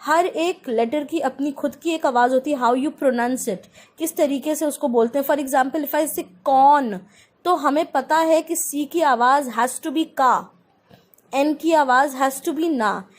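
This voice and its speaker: A woman with an Indian English accent teaching a children's phonics lesson, slowly spelling out letters and switching between Hindi and English. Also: sits high.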